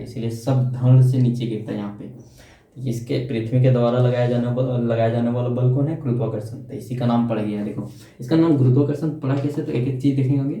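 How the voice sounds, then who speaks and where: A man teaches at a board, tossing questions to the class and answering them himself. His voice sits at an ordinary middle pitch. The recording is dull and lo-fi, with a roomy echo around him. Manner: repeats key terms, adds tag questions. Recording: echoey room, dull lo-fi sound.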